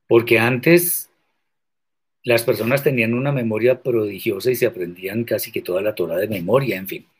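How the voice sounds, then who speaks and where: A man teaching scripture in a measured, deliberate way, answering viewer questions and stressing points with sharp questions. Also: medium pitch. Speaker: religious teacher.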